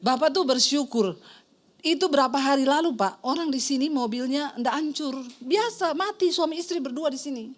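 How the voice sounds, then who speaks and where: A middle-aged woman pastor preaching a sermon, telling a personal story with humor and animated quotes, congregation responding. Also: high-pitched, normal speed. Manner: storytelling with humor, quoting others in lively voices. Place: church service with congregation.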